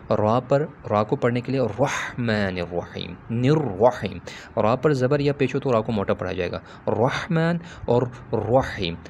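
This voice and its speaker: A man teaching Quran recitation in a patient, step-by-step way, stopping to model Arabic sounds slowly and with stress. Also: medium pitch, a little hiss or hum. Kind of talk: instructional talk on pronunciation.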